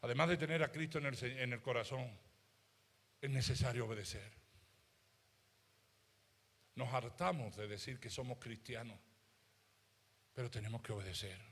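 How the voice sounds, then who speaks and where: A man preaching a sermon as pastor, passionate, swinging from loud exclamations to hushed asides. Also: medium pitch, moderate pace, long pauses, slightly rough. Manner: acts out worried voices of doubters.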